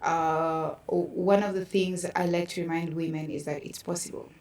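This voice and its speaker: A woman with a Kenyan accent, an artist appearing as a podcast guest, shares personal testimony in a conversational interview. Her lowish, slightly mellow voice is flat and moderately paced, earnest and reflective. The recording has a roomy echo, as she sits distant from the mic.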